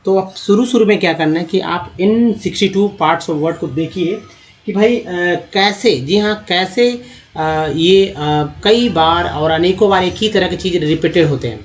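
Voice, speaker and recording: A man teaching English reading in Hindi, spelling out letter groups slowly and repeating each sound for his viewers. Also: sits high. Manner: addresses viewers as friends, explanatory. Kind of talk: Hindi lesson on spelling patterns.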